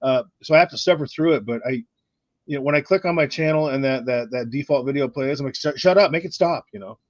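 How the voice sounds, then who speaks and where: A man hosting a relaxed livestream, talking loosely and repeating the first words of his sentences. His voice sits at a mid pitch, close-miked in a dry space. The audio comes through slightly dull and lo-fi. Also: no room sound. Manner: halting, repeats words when starting. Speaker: channel host. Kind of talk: casual livestream chat.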